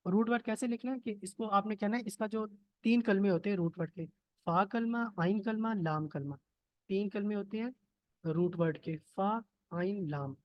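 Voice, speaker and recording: A man's voice: sits high, normal speed, dry recording, highs cut off. A man teaching Arabic grammar in an online lesson, explaining step by step and checking in often with his students. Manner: patient, checks in with "theek hai?" often. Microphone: computer mic on a video call.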